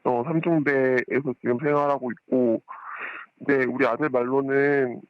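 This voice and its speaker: A parent calling in anonymously, whose voice is disguised with a pitch-shifting voice changer, speaking hesitantly with many pauses. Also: fairly even intonation, no echo, narrow, tinny audio. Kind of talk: phone-in interview.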